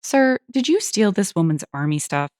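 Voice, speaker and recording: A woman's voice: medium pitch, sing-song, darkish tone, dry recording, clean studio sound, lightly acted. A woman voicing a businesslike police officer questioning people in a storybook tale. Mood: official. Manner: brisk and official.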